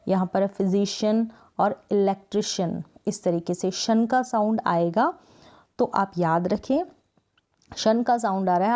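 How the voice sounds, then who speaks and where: A woman from India gives a patient spelling lesson, repeating each word several times and breaking it into slow, stretched syllables. Her voice is mellow and soft-edged, pitched in an ordinary middle range. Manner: slow, drawn-out syllable-by-syllable pronunciation drills; patient, repeats words often with "thik hai" checks. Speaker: English spelling teacher. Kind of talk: explanatory lesson.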